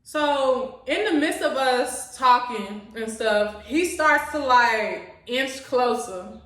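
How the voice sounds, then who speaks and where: Animated young woman telling a story in an echoey room. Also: on the high side, slow pace, distant mic. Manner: animated, expressive, sassy asides. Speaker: vlogger. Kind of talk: casual storytelling to camera. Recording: echoey room, voice away from mic.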